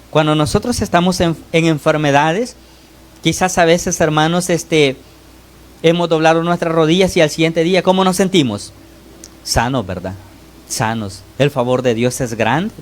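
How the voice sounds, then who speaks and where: A lay preacher, originally from El Salvador, addresses his congregation in a sermon. He often breaks off to appeal to the brothers with "¿verdad?", and his delivery lurches widely in pitch and loudness between phrases.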